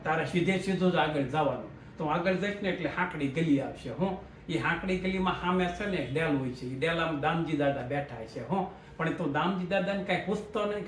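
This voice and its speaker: A man's voice: on the high side, a little hiss or hum, close to an everyday voice. A man voicing a nosy, teasing village man with a Kathiawadi accent, giving meandering directions in a comic story. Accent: Kathiawadi Gujarati. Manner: meandering, teasing, drawn-out "ho" fillers. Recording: roomy, distant mic, faint ambience.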